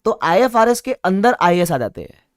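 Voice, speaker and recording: A man's voice: high-pitched, sing-song, moderate pace, dry recording, clean studio sound. A man teaching an online class, repeating key points with playful asides. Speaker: online exam-prep teacher. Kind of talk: lively classroom lecture.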